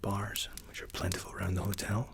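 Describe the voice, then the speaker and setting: A man doing an ASMR role-play, speaking in a soft, unhurried, courteous whisper as hotel and spa staff. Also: on the low side, little pitch movement, gravelly.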